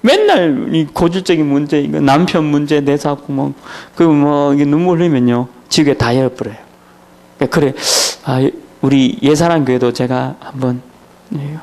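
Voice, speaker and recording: A man's voice: on the high side, normal speed, a little mellow. A man pastor from Daegu with a Gyeongsang accent, preaching a sermon at a church training session in a joking, storytelling way with chuckles. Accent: Daegu Gyeongsang dialect. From Daegu, South Korea.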